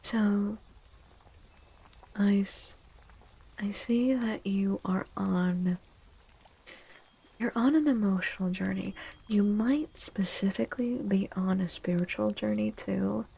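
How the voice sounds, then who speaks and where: A woman streamer with a medium-pitched voice gives a soft-spoken ASMR tarot reading. She is gentle and unhurried, pausing between phrases and often slipping into a breathy whisper.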